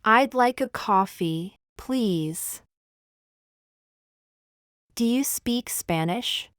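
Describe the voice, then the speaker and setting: Woman slowly reading practice phrases. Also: fairly high pitch, lively intonation, a bit bright, no room sound, clean studio sound. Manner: slow, deliberate, one phrase at a time. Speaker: language teacher. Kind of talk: reading example phrases for learners.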